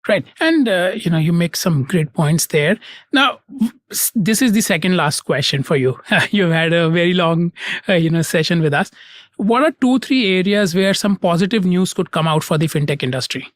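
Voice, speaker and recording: A man's voice: sits high, lively intonation, normal speed, no room sound, clean studio sound. A man hosting a podcast interview, affirming the guest and asking questions in a friendly way. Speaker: podcast host. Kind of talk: conversational interviewing.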